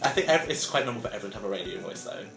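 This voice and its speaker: A man's voice: medium pitch, expressive, racing, reverberant, over music. A young man hosting a student radio show, polished and announcer-like, teasing his co-host. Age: young adult. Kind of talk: casual radio chat.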